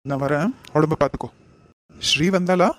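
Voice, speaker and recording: A man voicing a caring, lecturing uncle in an animated family drama, with a Kanyakumari Tamil accent. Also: on the high side, normal speed, natural voice. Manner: lecturing, earnest. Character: caring uncle figure, earnest and protective.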